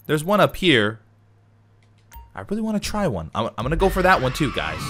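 A man with a slightly high voice talks a little fast over music, offering casual commentary as he plays a video game. Suffering from a cold, he sounds somewhat nasal, and he's chatty and excitable with his viewers as a let's play host.

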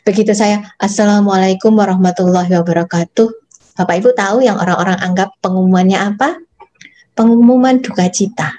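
Soft-voiced woman teaching public speaking. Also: mid-range voice, steady tone, a little fast. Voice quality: soft, gentle voice. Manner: chatty, addresses audience as Bapak Ibu; demonstrates phrasing by reading aloud. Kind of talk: online workshop lecture.

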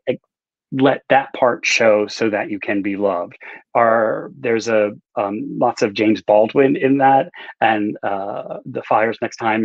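Over slightly dull video-call audio with a dry sound, a middle-aged man with a mid-range voice answers interview questions as a guest author. He rambles casually and pokes fun at himself, sitting indoors in front of bookshelves.

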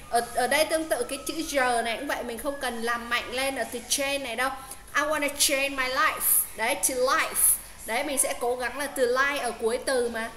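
A woman's voice: sits high, fairly bright tone, roomy sound. A woman tutoring English pronunciation on a video call, explaining with many fillers and checking questions. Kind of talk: casual online tutoring. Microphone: Zoom call.

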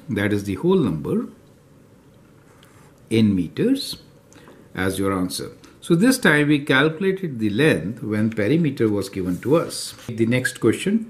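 A man teaching a recorded math lesson, working through problems step by step and often checking in with "right?" and "is that clear to you?". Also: on the low side. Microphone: off-camera voice over handwritten notes.

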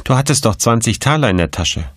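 A man's voice: mid-range voice, big pitch swings, no room sound, clean studio sound, pitched above the performer's own voice. Man playing a cold, stern magistrate. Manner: firm, cold, measured questioning.

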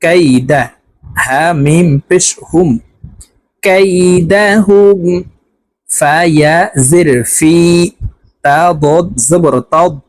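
A man with a fairly high voice teaches Quran reading at a very unhurried pace. He spells out every word syllable by syllable and then lifts into a long, melodic chant of the whole phrase. Between phrases he explains the pronunciation rules briskly. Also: fairly even intonation, poor audio. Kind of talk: letter-by-letter Quran reading lesson.

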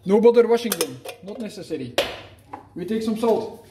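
Animated and high-voiced, a Dutch cooking vlogger jokes his way through a casual kitchen demo at a moderate pace, often restarting phrases. The audio is very noisy, recorded on a handheld camera mic in motion, with echo and frying sizzle throughout.

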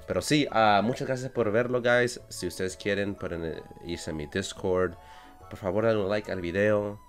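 A young gaming YouTuber with a low, deep voice chats casually in Spanish with an English accent, giving game commentary at normal speed into a desk mic. He often restarts words and laughs. Soft music plays faintly underneath.

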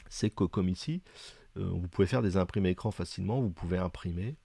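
Man, hesitant casual reviewer, dark mellow voice, deep and low. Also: fairly quick, creaky, slightly rough, no room sound. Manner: hesitant, many fillers, chatty asides. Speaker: video presenter reviewing books.

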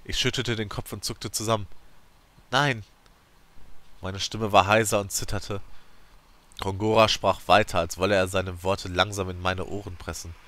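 A let's play host giving an emotive, theatrical reading of a game's story text, rising and falling in loudness. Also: male voice, deep voice, flat delivery, normal speed, no echo.

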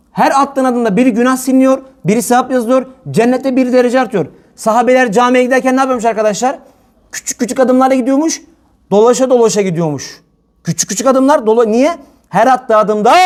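High-voiced man preaching animatedly. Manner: animated and colloquial, scolding, calls listeners brother. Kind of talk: religious talk to viewers.

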